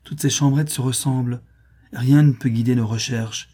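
A man's voice: medium pitch, fairly even intonation, moderate pace, mellow, husky, natural voice. A man reading as a bold, hot-tempered young adventurer. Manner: emphatic, exclamatory.

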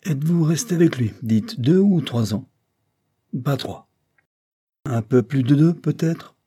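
A sly barrister who wheedles and coaxes, his pitch lifted high and sing-song, as a man reading a novel aloud puts him on. The voice stays husky underneath. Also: animated, measured pace, mellow. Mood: coaxing. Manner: coaxing and wheedling. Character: sly, insinuating male barrister.

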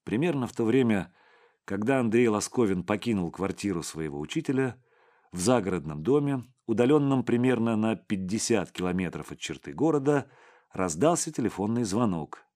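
A man reading an audiobook in a steady, unhurried way. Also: on the low side. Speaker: audiobook narrator. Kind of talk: scripted narration.

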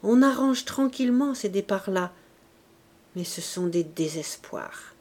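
Calm audiobook narrator, woman, unhurried and measured. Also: medium pitch. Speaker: audiobook reader. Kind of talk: scripted narration.

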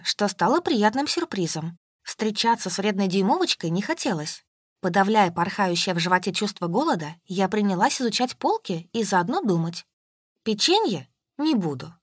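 A woman's voice: mid-range voice, slightly rough, no echo, clean studio sound. Wry woman reading an audiobook. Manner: wry, ironic and conversational. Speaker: audiobook narrator. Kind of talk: first-person audiobook narration.

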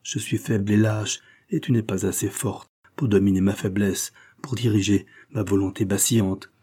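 In an audiobook performance of a classic novel, a male reader voices a guilt-ridden young man confessing to his mother with mounting emotion. His fairly low voice is dark and husky, steady in tone, at normal speed, and the mood is remorseful and self-accusing.

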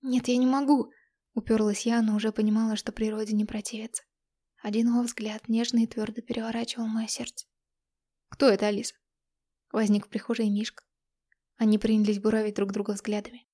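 A woman narrating a first-person romance audiobook in an intimate, dramatic way, often dropping to a hush. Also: mid-range voice, little pitch movement, fast.

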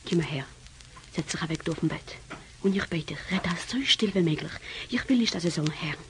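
A woman's voice: sits low, moderate pace, a little hiss or hum, close to an everyday voice, rough recording. An actress playing an anxious young woman who confronts her sister in secret, in 1930s Yiddish radio drama style. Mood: hushed urgent. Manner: hushed, urgent pleading.

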